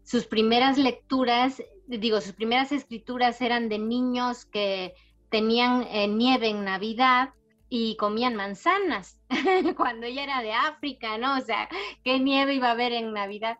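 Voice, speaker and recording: A middle-aged woman whose accent blends Spain and Latin America, answering an interviewer in a thoughtful, storytelling way. Her voice sits a little high for a woman. The audio is slightly dull and lo-fi. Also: measured pace. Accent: mixed Latin American and Spanish. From Spain, raised in Panama. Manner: warm storytelling, thoughtful, frequent tag questions. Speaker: writer, interview guest.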